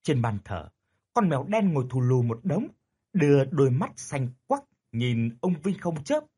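A man's voice: medium pitch, big pitch swings, normal speed, dark tone, slightly rough. A man narrating a horror story dramatically.

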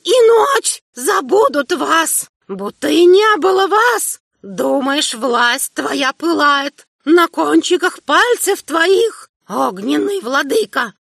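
A woman voicing an old, half-blind male emperor who rants and shouts in a quavering old man's voice, reading an audiobook. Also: very high voice, creaky, no room sound, clean studio sound, voice pushed up, heavily acted. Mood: raving curse. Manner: ranting, shouting, drawn-out curses. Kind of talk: audiobook character voice.

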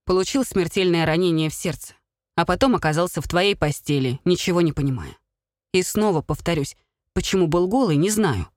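A woman's voice: fairly low pitch, expressive, a little fast, darkish tone, no room sound, clean studio sound, lightly acted. A woman reading a blustering middle-aged father, a former soldier, who blurts and pleads with his wife. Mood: sheepish.

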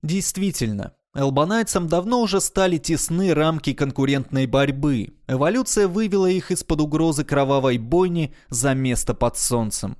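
A man narrating a science fiction audiobook in a measured, expressive reading voice. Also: fairly high pitch.

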